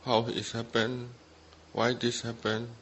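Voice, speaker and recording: A Buddhist teacher, a man whose first language isn't English, leads a guided meditation at a retreat in short, simple phrases separated by gaps. His medium-pitched voice is slow, completely flat, and a bit bright, with a little hiss or hum in the background.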